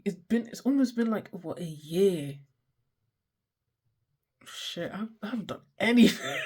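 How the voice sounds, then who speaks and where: A twenty-something art vlogger with a stuffy, slightly mellow, medium-pitched voice chats casually through a sketchbook tour. They swear freely, make fun of themselves, and lose the thread mid-sentence.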